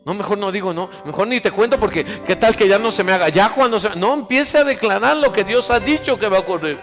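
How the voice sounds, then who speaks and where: A man preaching a sermon as pastor, exhorting fervently and dropping now and then into quiet asides. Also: high voice, animated, fast. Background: instrumental music.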